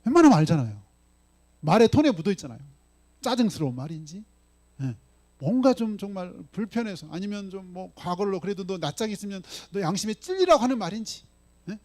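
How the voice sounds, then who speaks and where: A man's voice: high voice, very animated, fairly quick, a little mellow. A male pastor preaching a sermon in a casual, conversational way, often checking in with the congregation. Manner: voices his own lines for Jesus in dialogue.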